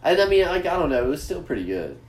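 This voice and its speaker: A male podcast host with a little high voice talks fast and very animatedly, rambling crudely and swearing a lot on his casual podcast. The room is echoey, with faint noise.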